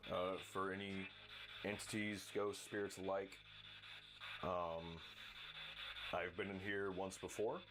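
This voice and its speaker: A man on a casual ghost-hunting vlog sits alone indoors and talks to spirits in halting, hesitant questions. His voice sits fairly low. Loud radio static hisses behind him the whole time. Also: flat delivery. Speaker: ghost hunter alone in a room. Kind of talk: casual paranormal investigation vlog. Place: indoors in an old inn room.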